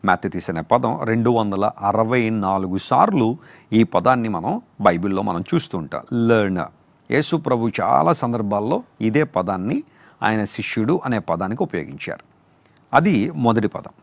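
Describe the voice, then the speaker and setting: A man preaches a sermon, drawing out and repeating each term as he teaches. His voice is gravelly and swings widely in pitch. The sound is close and dry. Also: animated, no echo. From India. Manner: explains terms slowly, repeating and spelling out each word. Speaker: pastor. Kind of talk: sermon teaching on word meanings.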